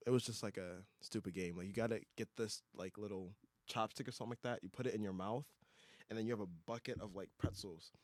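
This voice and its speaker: A man's voice: fairly low pitch, fairly even intonation, fast talker, a little mellow, dry recording, studio quality. A young man with a slight lisp, co-hosting a casual podcast and telling rambling stories full of fillers. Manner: rambling, filler-heavy storytelling. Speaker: podcast co-host. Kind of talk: casual chat. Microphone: studio podcast microphone.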